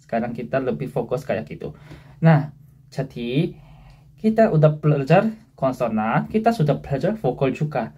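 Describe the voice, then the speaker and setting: A man from South Korea with a Korean accent gives a casual, friendly language lesson. He says words slowly and repeats them for learners. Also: medium pitch, sing-song, warm tone, slightly rough. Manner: friendly, addresses viewers as friends.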